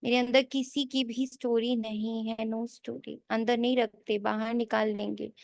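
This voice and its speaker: A woman spiritual teacher giving a sermon, slowly repeating key lines for emphasis and mixing in English phrases. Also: on the high side, level tone, gravelly, dry recording, studio quality. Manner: mixes English phrases into her talk. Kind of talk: sermon explaining a daily scripture reading.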